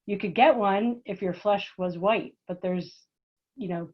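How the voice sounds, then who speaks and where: A woman's voice: mid-range voice, unhurried. A woman taking part in a book discussion over a video call, talking thoughtfully with conversational fillers. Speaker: participant. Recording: muffled video call audio.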